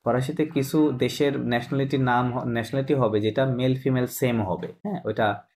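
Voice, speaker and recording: A man's voice: medium pitch, fairly even intonation, normal speed, darkish tone. A man teaching a beginner language class over a video call, explaining step by step and often checking that students follow. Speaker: French teacher. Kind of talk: online language lesson.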